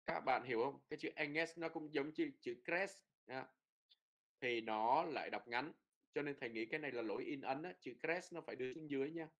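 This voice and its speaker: A man's voice: medium pitch, fairly quick, a bit bright. A man teaching a pronunciation lesson, explaining rules and repeating drill words with frequent tag words. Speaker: Norwegian language teacher.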